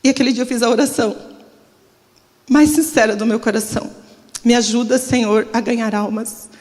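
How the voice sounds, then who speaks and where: A woman's voice: on the high side, steady tone, fairly quick, darkish tone. A middle-aged woman pastor with a Brazilian Portuguese accent, giving an emotional, confessional testimony in a church service. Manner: emotional, confessional, trembling with nerves. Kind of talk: testimony sermon. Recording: long church hall reverb.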